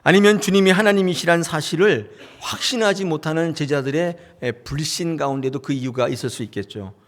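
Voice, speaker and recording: A man's voice: a little high, brisk. A man preaching a sermon as pastor, talking in a conversational way, asking the congregation questions and acting out short dialogues. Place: church sanctuary.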